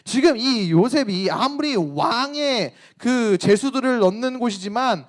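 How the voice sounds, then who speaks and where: A man preaching to a youth group, telling the story in a playful, animated way and putting questions to his listeners. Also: very high voice, unhurried. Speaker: youth pastor. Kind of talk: youth sermon.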